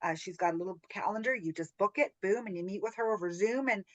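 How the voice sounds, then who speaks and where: A woman hosts a relaxed group coaching call over video. She tells stories in a chatty, animated way, laughs often and keeps checking in with "right?" Her voice is recorded close and dry, with little room sound. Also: mid-range voice, fast talker, no echo, rough recording. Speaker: business training host.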